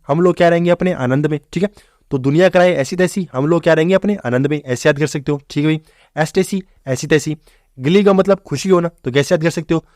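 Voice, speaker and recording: A man with a fairly high, slightly mellow voice teaches English vocabulary for exams, sharing memory tricks in fast classroom Hindi sprinkled with English words. The recording is clean and studio-quality with no echo. He keeps checking in with "theek hai bhai" and quizzing the viewer.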